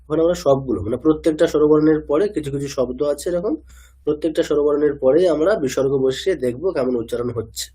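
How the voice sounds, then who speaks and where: A man leads an online chanting lesson over a video call. His voice sits a little high, mellow and faintly husky. He asks his students again and again whether they follow and repeats each sound slowly for them. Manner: patient, keeps checking understanding with tag questions. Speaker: teacher of chanting.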